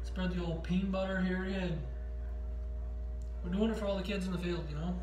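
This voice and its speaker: A young man with a high voice vlogs casually from his small apartment, talking quickly through a stretching routine and cracking jokes while he makes a sandwich. His manner is relaxed and easygoing, and soft music plays in the background.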